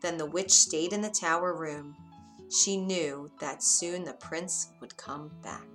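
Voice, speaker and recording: Low-voiced woman narrator, calm storybook read-aloud, faint background music. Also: slow pace.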